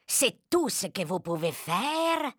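A woman's voice: medium pitch, big pitch swings, slow, a bit bright, husky, no echo, studio quality, full character voice. A woman playing a tyrannical, furious female witch leader who shrieks orders and chants threats in an audio drama.

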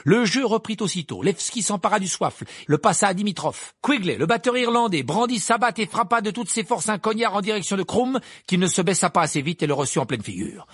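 Male audiobook narrator, expressive read, raspy texture, dry sound. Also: high voice, brisk, few pauses, dry recording. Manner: expressive, animated reading. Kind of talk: scripted narration.

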